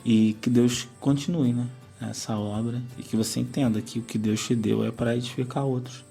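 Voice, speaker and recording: Gravelly consoling man. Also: mid-range voice, fairly even intonation, moderate pace, dark tone, faint music behind. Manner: consoling, keeps adding "né?". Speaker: radio program host. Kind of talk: pastoral interview conversation.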